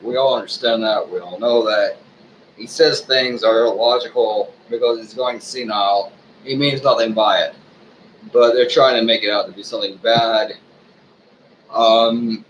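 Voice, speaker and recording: A man's voice: fairly low pitch, a bit bright, highs cut off, slight background noise. Drunk man on a rambling, profane rant. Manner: profane, halting, frequently losing his thread. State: drunk, slurring and losing his thread. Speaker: online ranter, video host. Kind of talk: rambling off-the-cuff opinion rant.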